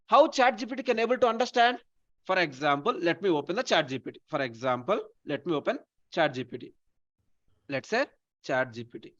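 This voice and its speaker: Male instructor, Telugu accent, somewhat high pitch, repetitive question-and-answer lecturing, dull lo-fi recording. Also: fairly bright tone. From Telugu-speaking region of India. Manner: repeats phrases, poses questions then answers them himself. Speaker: data science instructor. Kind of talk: informal live class with questions to students.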